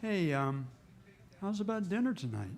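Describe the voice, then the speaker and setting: A man's voice: high voice, very animated, normal speed. A man playing an easygoing, slightly awkward homicide inspector in 1940s radio drama style, folksy and hesitant. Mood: nervous.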